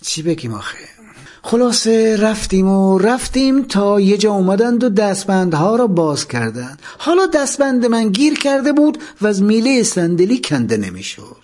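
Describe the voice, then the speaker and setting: A man narrating a first-person memoir, expressive, letting his voice sink at the ends of sentences. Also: high voice.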